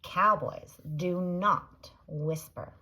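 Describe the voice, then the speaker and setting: A woman's voice: a little high, very animated, drawn-out words, a bit bright, breathy edge, pitched above the performer's own voice, full character voice. A woman voicing a small, earnest man who dreams of being a cowboy, with eager exclamations.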